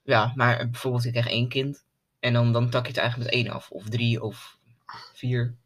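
A man's voice: medium pitch, level tone, a little fast. A young man with a mid-range voice chats loosely as a podcast co-host. He drops slang and circles back over the same phrases. His delivery is informal and unpolished. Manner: loose, slangy, repeats himself. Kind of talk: casual chat.

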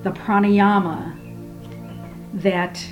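A woman leads a guided meditation and prayer in a soft, hushed, soothing voice that trails into a near-whisper. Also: mid-range voice, little pitch movement, extremely slow, dull audio, soft background music.

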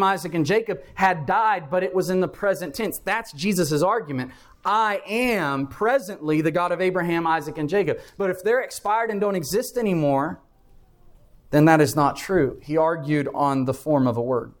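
A man's voice: sits high, moderate pace. A man preaching a Bible class sermon, explaining step by step and repeating key phrases for emphasis.

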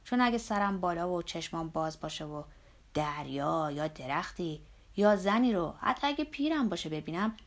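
A woman voicing a blunt, earthy older male laborer in an audiobook, speaking low and loud with a scolding manner. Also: expressive. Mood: exasperated. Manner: lower pitched, loud and scolding. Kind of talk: audiobook character voice.

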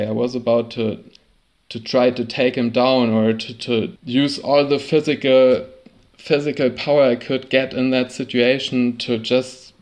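A man telling a personal sailing story in a halting way, often repeating and restarting words. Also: mid-range voice, a little mellow. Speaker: sailor recounting a trip.

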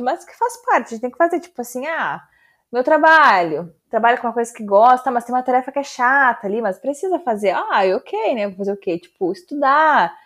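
A Brazilian woman podcast host reading a story aloud and breaking off for expressive, dramatic commentary. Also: sits high. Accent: Brazilian Portuguese.

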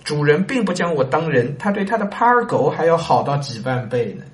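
A man's voice: a little high, sing-song, a little fast. A man voicing a downtrodden male servant who keeps pleading and complaining about his lot. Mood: woeful. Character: downtrodden male servant, whiny and self-pitying.

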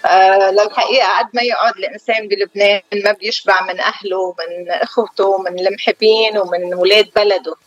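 A middle-aged woman with a Lebanese accent, a chef speaking over the phone as a guest on a call-in interview, telling her story calmly and without hurry. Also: mid-range voice, fast, no room sound, faint music behind. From southern Lebanon. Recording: dull phone line.

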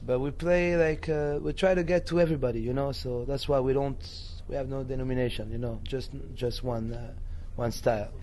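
A man's voice: mid-range voice, fairly even intonation, brisk, few pauses, slight background noise. A man from Reunion Island, a singer and guitarist, talking in an easygoing way with many "you know"s. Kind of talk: casual interview chat. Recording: loud music behind.

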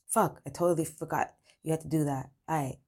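A brash, flirty woman friend who teases with bold swagger, as a woman narrator puts her on. The voice sits low with a creaky edge, and the delivery is playful and confident in a spoken story. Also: steady tone, a little fast, a little mellow. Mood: teasing. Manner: teasing, bold.

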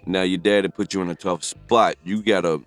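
A man co-hosting a podcast, telling stories in animated, joking chat. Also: sits low, fairly quick. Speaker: podcast co-host.

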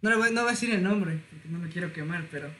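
A young man, chatting on a podcast and telling lively stories with frequent laughter. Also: sits high, rapid-fire, slight background noise. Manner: animated storyteller, laughs often. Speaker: podcast host. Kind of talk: casual chat.

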